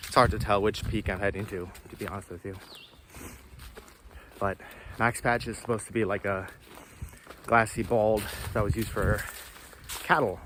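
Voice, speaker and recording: A man's voice: on the low side, fairly even intonation, moderate pace, pauses often, a bit bright, a little hiss or hum. A man filming himself on a mountain trail, chatting casually as he walks, with a loose, rambling way of talking full of fillers. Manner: easygoing, rambling, many "like" and "uh" fillers. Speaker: hiker filming a trail vlog. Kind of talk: casual walking narration. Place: outdoors on a wooded mountain trail.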